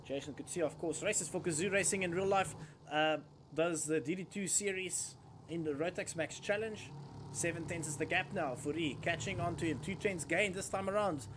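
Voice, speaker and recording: A man's voice: a little high, moderate pace, background noise. A man giving live kart racing commentary as a motorsport commentator, following the action as it unfolds.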